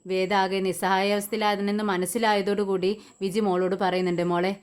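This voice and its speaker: A woman's voice: mid-range voice, flat delivery, normal speed, smooth. A woman giving a casual voice-over that retells a television serial's plot, talking conversationally and often restarting her words. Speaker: serial review narrator.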